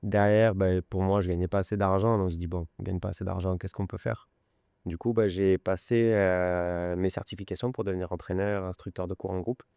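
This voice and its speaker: A man in his forties from France with a Lyon accent, an interview guest telling his story in an unhurried, hesitant way. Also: sits low, level tone, warm tone, clear, resonant tone, no echo, clean studio sound. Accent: French, from Lyon. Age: 40s. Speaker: podcast guest, luxury goods broker. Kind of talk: conversational interview. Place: podcast studio.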